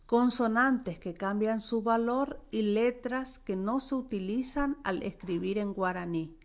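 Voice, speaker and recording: A woman teaching a language lesson, dictating words and sounds one by one with careful pauses. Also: fairly high pitch. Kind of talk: slow, deliberate language lesson.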